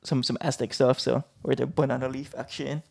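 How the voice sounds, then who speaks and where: A man's voice: mid-range voice, little pitch movement, a little fast, gravelly, husky. A man co-hosting a casual podcast chat, telling rambling stories with a light tinge, swearing and laughing often as he acts out what people said. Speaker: podcast co-host.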